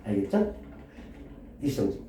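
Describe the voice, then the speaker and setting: A man teaching math to students, lively and constantly quizzing them with questions. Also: moderate pace, a little hiss or hum. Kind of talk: classroom lecture. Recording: echoey room, voice from a distance.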